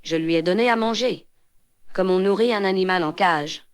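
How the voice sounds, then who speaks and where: A woman voicing a rotting undead woman in a horror story, with a raspy, guttural, hateful voice. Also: mid-range voice, normal speed, no echo, close to an everyday voice. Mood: menacing.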